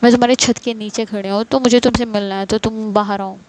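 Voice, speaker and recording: A woman voicing a bold, playful young woman who coaxes her lover in a soft, teasing voice. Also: fairly high pitch, steady tone, quick pace, a little hiss or hum, close to an everyday voice.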